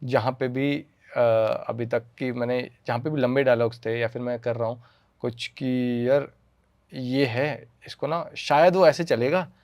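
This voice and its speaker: A man who acts and makes films, telling lively stories in a casual conversation and mixing in English phrases. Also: mid-range voice, a little slow, no room sound. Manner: animated storyteller, mixes in English. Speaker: actor and filmmaker.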